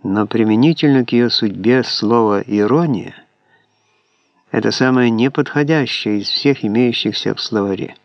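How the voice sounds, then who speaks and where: A man calmly reading an audiobook in a measured, scripted narration. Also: mid-range voice, no room sound. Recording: dull, dry lo-fi MP3 audiobook recording.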